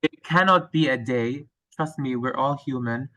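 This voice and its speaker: In a rough recording, a Lebanese-accented male teacher responds thoughtfully to interview questions. He speaks at normal speed in a bright, forceful mid-range voice, though he hesitates often with fillers and restarts.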